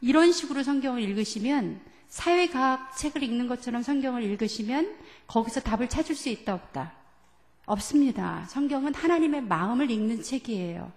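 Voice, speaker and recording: A woman's voice: on the high side, expressive, fairly quick, a little mellow. Woman pastor teaching in an echoey hall. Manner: asks the congregation questions and leads group reading. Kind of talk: sermon lecture. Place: church sanctuary.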